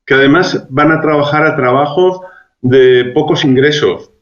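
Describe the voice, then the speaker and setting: A man being interviewed as a public health expert, giving measured, reasoned answers with frequent restarts. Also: on the high side. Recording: roomy, dull lo-fi sound.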